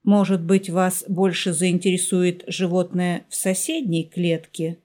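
A woman voicing a gaunt, hooded male shopkeeper who speaks in a quiet, breathy half-whisper with an aloof, formal manner. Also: on the low side, fairly even intonation, measured pace, close to an everyday voice. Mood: cool.

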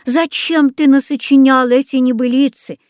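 A woman's voice: high-pitched, fairly even intonation, moderate pace, darkish tone, no room sound, studio quality, voice pushed up, natural voice. A woman voicing a stern scolding father. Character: stern strict father, middle-aged man.

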